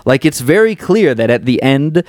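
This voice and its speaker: A man with a mid-pitched voice works through his ideas about a stage show in a careful, analytical way. He leans on "like" often, and his voice sounds dry and close. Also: very animated, moderate pace, a little mellow, no echo. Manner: thoughtful, analytical, uses many "like" fillers. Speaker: podcast co-host discussing musical theater. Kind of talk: casual chat.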